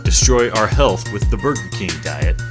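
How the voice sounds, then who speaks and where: A man reading a scripted podcast intro in a measured, announcer-like way. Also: lowish voice, animated, loud music behind the voice.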